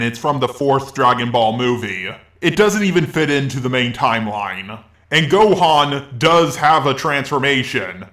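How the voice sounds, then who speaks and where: A man's voice: medium pitch, fairly bright tone, reverberant. A man doing a reaction commentary, answering critics with sarcastic, argumentative retorts. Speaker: commentary YouTuber.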